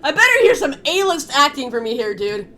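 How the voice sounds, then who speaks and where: A woman's voice: high voice, very animated, a little fast, sharp tone. A woman commenting on a friend's game playthrough, teasing her with sarcastic quips. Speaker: co-player. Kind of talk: casual gaming commentary.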